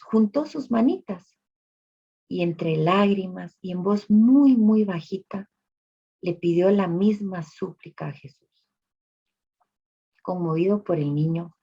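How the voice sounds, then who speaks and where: A woman telling a religious story to listeners, speaking directly to them with dramatic pauses. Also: lowish voice, vocal fry, dark tone, breathy edge. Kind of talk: emotional spoken storytelling. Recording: dull lo-fi recording.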